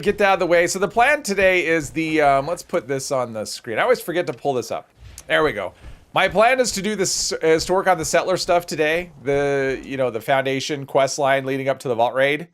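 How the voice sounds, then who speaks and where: A man with a slightly high, fairly bright voice hosts a livestream. He casually thinks aloud while playing and rambles into conversational asides.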